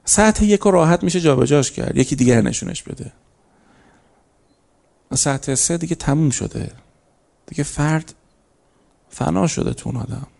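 A man lectures on faith and character before a live audience, his voice mellow and dark with a gravelly edge. He talks in a loose, conversational way and tells small stories. Now and then he lifts into sharp, emphatic peaks. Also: on the high side, lively intonation, long pauses. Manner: conversational, storytelling, rises into emphatic bursts. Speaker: lecturer on religious ethics. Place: lecture hall.

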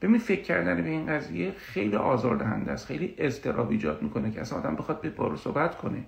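Gravelly-voiced man coaching in an echoey room. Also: a little high. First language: Persian. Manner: animated, uses personal examples. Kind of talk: explanatory talk on self-confidence.

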